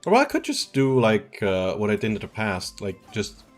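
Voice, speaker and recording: A man's voice: lowish voice, huge pitch swings, moderate pace, faint music behind. A man in his twenties from Switzerland, chatting casually and rambling through a game stream, chuckling now and then. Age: 20s. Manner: rambling, laid-back, chuckles often. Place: at home.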